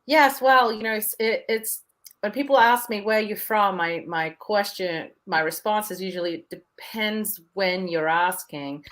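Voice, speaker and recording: A woman's voice: medium pitch, measured pace, a bit bright. A woman in her forties from El Salvador, raised in Australia, speaking as an interview guest, chatty with frequent ums. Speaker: guest author. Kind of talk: casual interview answers.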